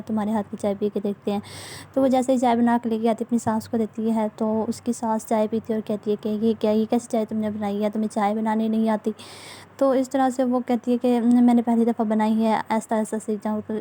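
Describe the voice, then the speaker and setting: A woman narrates a family moral story in a steady, plain manner. Her voice is very dark and mellow, slightly high, with little rise and fall. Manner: plain, even retelling.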